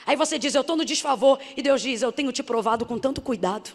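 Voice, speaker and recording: A woman's voice: high voice, fast. Emphatic woman preaching in a hall. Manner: emphatic, building to shouts. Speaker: missionary preacher. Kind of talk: sermon. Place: church hall. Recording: hall reverb.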